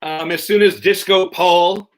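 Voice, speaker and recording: A man's voice: high voice, fairly even intonation, a little slow, low-quality recording. A man hosting an online quiz over a video call, reading questions and tossing in joking, profane asides. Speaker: quiz host.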